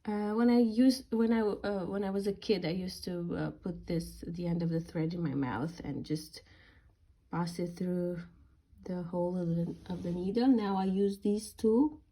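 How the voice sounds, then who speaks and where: Romanian woman with a head cold, nasal, unhurried and soft-toned, teaching stitching with lots of ums. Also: lowish voice. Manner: hesitant, with many fillers. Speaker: craft workshop founder teaching cross stitch. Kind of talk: home craft tutorial.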